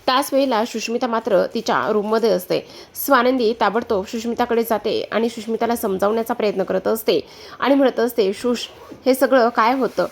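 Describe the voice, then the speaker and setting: A woman storyteller briskly retelling the plot of a TV serial, with repetitive phrasing. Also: fairly high pitch, gravelly.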